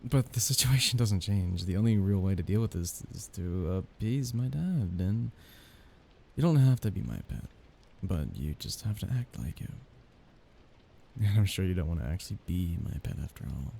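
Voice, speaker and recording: The low-pitched, gravelly voice belongs to a man portraying a nervous, soft-hearted young mafia heir for an intimate ASMR romance roleplay. Flustered and apologetic, he speaks softly and haltingly yet animatedly, with a little background noise behind him.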